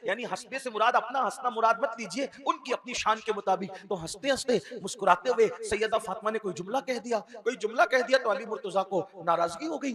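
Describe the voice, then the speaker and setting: Male preacher, high pitched and sharp, impassioned sermon, hushed then shouting. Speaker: Islamic preacher. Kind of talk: emotional storytelling sermon.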